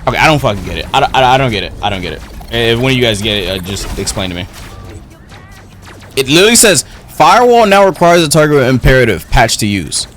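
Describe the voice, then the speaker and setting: A young man giving casual live gameplay commentary, slangy and profane as he thinks out loud. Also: medium pitch, big pitch swings, quick pace. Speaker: video game streamer. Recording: loud game music behind the voice. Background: video game music and effects.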